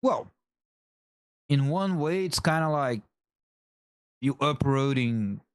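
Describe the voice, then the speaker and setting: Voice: medium pitch, lively intonation, slow pace, clean tone, no echo. A podcast co-host who drops in crude jokes during casual banter.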